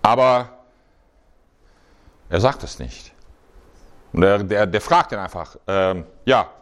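Male preacher, lowish voice, chatty and halting, restarts often. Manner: conversational, halting, many restarts. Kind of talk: sermon.

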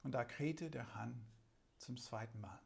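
Slow, deliberate preacher, man with an accent. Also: mid-range voice, gravelly, a little mellow. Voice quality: light foreign accent. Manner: slow and deliberate, dramatic when reading scripture. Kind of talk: sermon.

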